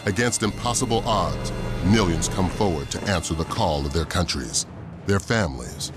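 A man's voice: sits low, lively intonation, moderate pace. A man delivering scripted, dramatic narration for the opening of a war game. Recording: music under the voice.

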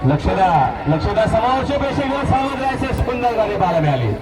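A man announcing a race over a loudspeaker at an outdoor race ground, calling out numbers and warning the crowd. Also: high-pitched, big pitch swings, fast. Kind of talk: announcing over a public address system. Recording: echoey loudspeaker from far off, loud crowd and noise.

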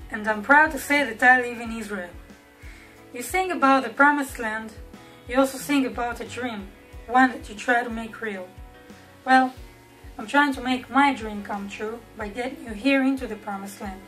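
A woman's voice: on the high side, normal speed, a bit bright, soft background music, low-quality recording. A woman making a playful, rhythmic webcam appeal as a fan. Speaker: fan sending a video message. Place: room indoors.

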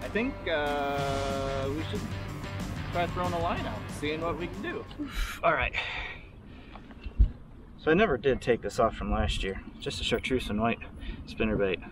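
A man's voice: mid-range voice, a little slow, pauses often, over music. A man in his thirties talking casually to himself while he boats and fishes, his voice caught by a camera mounted on a small boat on a lake. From Michigan, US. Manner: relaxed, talks to himself while boating and fishing. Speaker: fishing vlogger. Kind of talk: casual running commentary. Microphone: action camera on the boat. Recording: outdoor camera audio with boat and water noise.

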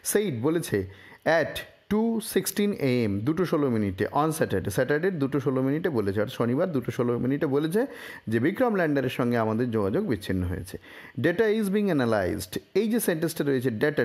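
A man from India explaining a newspaper report line by line, reading English phrases slowly and then explaining them, with frequent fillers and self-corrections. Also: on the high side, a little mellow. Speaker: English teacher.

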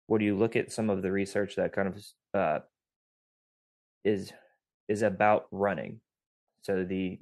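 Deep and a little mellow, this man's voice comes through a dry recording as he co-hosts a casual podcast. A physical therapist, he lectures technically on strength training and rehabilitation.

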